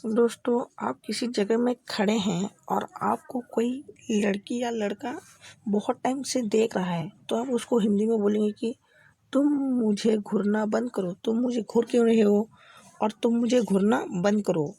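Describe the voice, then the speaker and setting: Lady teacher doing english lessons in hindi, real slow, repeats everything, dark husky voice. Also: fairly high pitch, no echo. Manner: slow, repeats each phrase several times.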